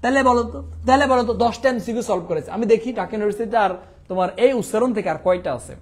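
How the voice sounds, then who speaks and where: Asking questions and then answering them himself, a young Bangladeshi man runs a quick exam revision lesson. His voice sits high.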